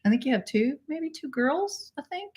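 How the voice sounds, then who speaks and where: A woman's voice: high-pitched, sing-song, moderate pace, a little mellow. A woman co-hosting a casual cruise livestream from home, chatty and giggly with many fillers. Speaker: co-host of a cruise channel livestream. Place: home indoors.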